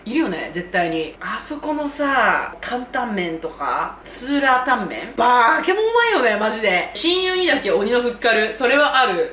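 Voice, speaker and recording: A woman of twenty-four chatting casually as a YouTube host, reacting to viewer comments in an animated, giggly, self-mocking way, recorded on a camera mic. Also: fairly high pitch, reverberant, slight background noise.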